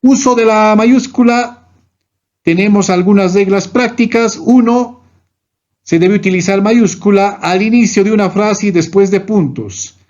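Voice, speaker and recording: Slow high-voiced man teaching grammar. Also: darkish tone, lo-fi sound. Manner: reads numbered rules and examples one by one. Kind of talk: scripted lesson narration.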